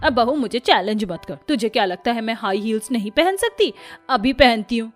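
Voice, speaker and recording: Woman doing a stubborn cartoon mother-in-law, loud, dramatic, fairly high voice. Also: lively intonation, brisk, faint music behind, close to an everyday voice. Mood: bossy, stubborn. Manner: wails and complains loudly.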